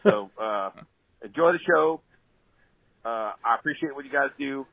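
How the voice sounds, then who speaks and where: A man leaving a joking voicemail over a landline phone, halting and full of "uh"s. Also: medium pitch, animated, a bit bright, no room sound. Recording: tinny phone voicemail line.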